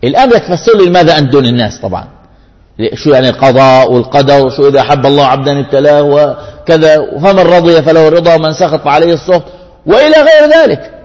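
Preacher in a reverberant hall. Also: male voice, fairly high pitch, expressive, fast, darkish tone. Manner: earnest, addresses the congregation with rhetorical questions and anecdotes. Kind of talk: sermon.

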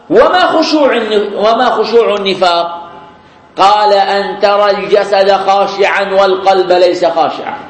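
A man preaching a sermon in a mosque after prayer, repeating key phrases and drawing out his quotations slowly. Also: high-pitched. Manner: repeats key phrases, slow drawn-out quoting. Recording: echoey prayer hall.

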